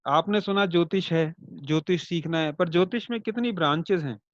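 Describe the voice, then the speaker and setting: A man with a high-pitched voice teaches an online astrology class in a chatty way. He checks in with rhetorical questions and makes his points through homely comparisons. The recording is dry and a little dull and lo-fi. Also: a little fast, dry recording. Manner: conversational, with rhetorical check-ins to students; explains by everyday comparisons and light jokes.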